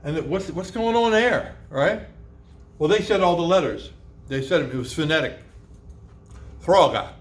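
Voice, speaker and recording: A man's voice: fairly high pitch, lively intonation, normal speed. A man teaching a class, lecturing in a conversational way with lots of fillers and rhetorical questions, spelling words out letter by letter. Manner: spells words out letter by letter and sounds out old pronunciations.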